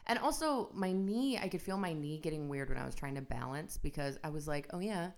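A woman in her thirties co-hosting a podcast, chatting casually and telling animated stories, acting out the voices of people she quotes. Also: deep voice, brisk, creaky. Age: 30s. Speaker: podcast co-host. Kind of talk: casual chat.

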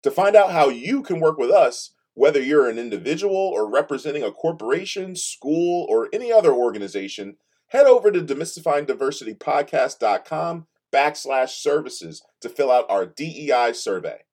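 A man's voice: a little high, big pitch swings, normal speed, a little mellow. A man reading a scripted podcast promo in an upbeat, salesy way, stressing each item.

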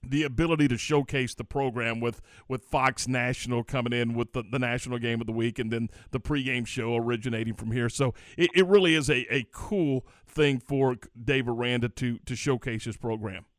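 A man's voice: mid-range voice, steady tone, fairly quick, hardly any pauses, no echo, studio quality. Easygoing male sports talk host. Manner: easygoing, chuckling, repeats words as he restarts.

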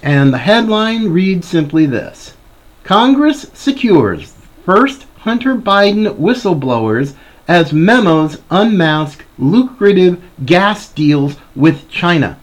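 A man's voice: high voice, big pitch swings, slow. A man hosting a political commentary show, addressing listeners with a ringmaster's showmanship. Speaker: talk show host.

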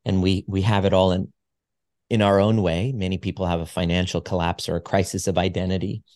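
A man's voice: deep voice, little pitch movement, fairly quick, a little mellow, no echo. A man in his forties, a podcast guest, talking in an earnest, reflective way with frequent restarts. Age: 40s. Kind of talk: casual conversation.

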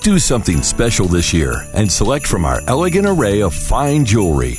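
Animated male holiday sale ad announcer. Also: lowish voice, a little fast. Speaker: radio announcer. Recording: music bed with jingle bells behind. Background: music, jingle bells.

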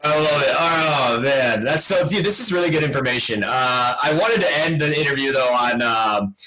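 A man's voice: mid-range voice, moderate pace, sharp tone, a little hiss or hum, rough recording. A man hosting a casual interview, enthusiastic and profane, laughing often. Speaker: podcast host and lawyer.

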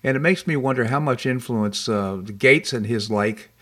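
A man's voice: mid-range voice, moderate pace, a bit bright. A man hosting a talk show in a conversational style, discussing politics.

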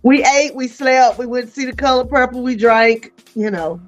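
Chatty, expressive middle-aged woman. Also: on the high side, normal speed, faint music behind. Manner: chatty and expressive, laughing and exclaiming. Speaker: podcast host. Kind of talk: casual chat.

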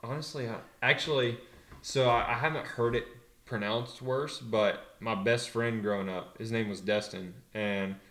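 A young man and pro rider answering interview questions in a relaxed, hesitant way, full of fillers and restarts. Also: medium pitch, measured pace, reverberant. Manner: laid-back, hesitant, many fillers and restarts. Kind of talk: casual interview.

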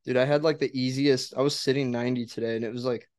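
A man's voice: medium pitch, fairly even intonation, fast talker, a little mellow. A young man talking casually with friends as a podcast host, in a slangy, profane frat-bro manner. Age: young adult. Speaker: podcast host, college baseball pitcher. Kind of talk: casual banter among friends.

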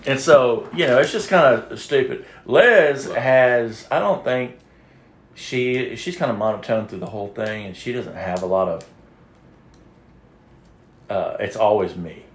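A man's voice: mid-range voice, a little slow, roomy sound. A man hosting a podcast, chatting casually in a rambling, jokey and crude way. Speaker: podcast host. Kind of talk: casual chat.

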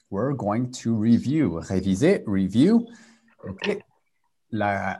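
Husky male French teacher on a video call. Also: medium pitch, darkish tone. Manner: switches between French and English, drills repetition. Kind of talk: live group language lesson over video call.

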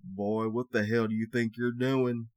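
A man voicing an angry older redneck who yells gruff threats. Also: medium pitch, little pitch movement, measured pace, no echo, close to an everyday voice. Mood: furious.

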